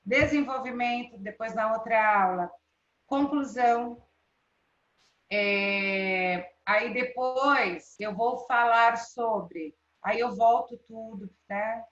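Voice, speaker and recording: A woman's voice: a little high, slow pace, fairly bright tone. Chatty Brazilian woman teaching a class. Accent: Brazilian Portuguese. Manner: chatty, checks in with students often. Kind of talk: live online class. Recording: roomy, dull lo-fi sound.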